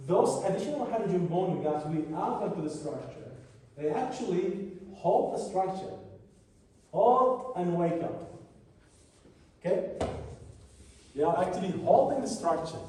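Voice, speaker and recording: Male lecturer, fairly high voice, mellow tone, halting and repetitive delivery, heavy room echo, distant mic. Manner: halting, repeats and restarts phrases while explaining. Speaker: biochemistry lecturer. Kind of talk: classroom lecture. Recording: echoey room from far off, faint hiss.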